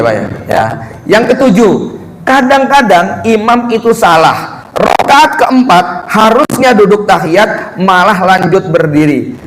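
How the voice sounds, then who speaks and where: A male preacher giving a lively sermon to a congregation, often raising his voice for emphasis. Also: high-pitched, slight background noise. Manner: lively, rising loud for emphasis, addressing the congregation. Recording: long hall reverb.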